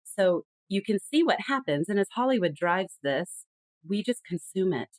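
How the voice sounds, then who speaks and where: This rough recording has no echo and captures a woman's mid-range voice at a normal pace. She's a podcast interview guest who discusses communication conversationally, speaking emphatically and expressively like a lively storyteller.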